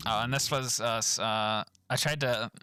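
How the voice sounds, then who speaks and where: A young man chatting casually on a live stream as he reviews trip photos, laughing often and jumping into high voices when he quotes people. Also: measured pace, bright, forceful tone, a little hiss or hum.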